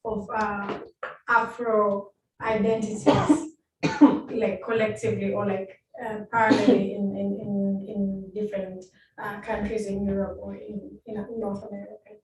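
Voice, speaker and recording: A woman's voice: medium pitch, little pitch movement, unhurried. A woman from Tanzania asking a question at a talk, hesitant with many fillers. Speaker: audience member asking a question. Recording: very echoey distant mic with faint noise.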